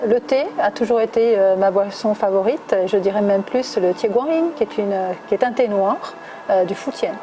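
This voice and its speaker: A woman's voice: mid-range voice, normal speed, mellow, a little hiss or hum, low-quality recording. Hesitant middle-aged woman from Toulouse. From France, southwest (Toulouse). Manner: thoughtful, many hesitations with "euh". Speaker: guest, recruiter. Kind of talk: interview answers.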